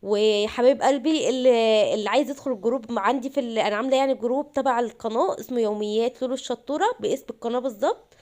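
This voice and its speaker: A woman's voice: on the high side, very fast, darkish tone. A young woman with an Egyptian accent, chatting to viewers while narrating a home cleaning vlog. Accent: Egyptian Arabic. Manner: chatty, addresses viewers directly. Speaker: vlogger.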